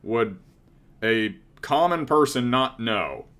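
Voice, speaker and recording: A man in his late thirties co-hosts a podcast, chatting casually and teasing with dry sarcasm. His voice sits at a medium pitch with lively intonation, a slow pace, and a slightly bright tone.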